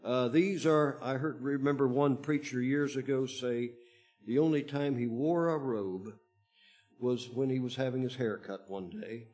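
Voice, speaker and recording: A man preaching a Bible teaching to his congregation, speaking in halting phrases with frequent restarts and pauses. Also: medium pitch, fairly even intonation, darkish tone. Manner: slow, halting delivery with many restarts. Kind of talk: sermon-style Bible teaching.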